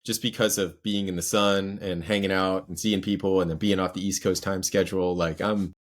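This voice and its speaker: A fairly low-voiced man hosts a casual podcast. He asks loose, rambling questions and reacts to his guest with quick asides. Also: level tone. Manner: chatty, reacts with laughs and asides. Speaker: podcast host. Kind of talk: casual chat.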